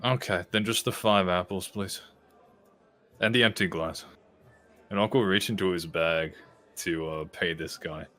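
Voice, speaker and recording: A man with a fairly low voice talks casually as a player in a tabletop role-playing game. He moves between his character and table talk, with quiet music underneath. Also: unhurried, long pauses.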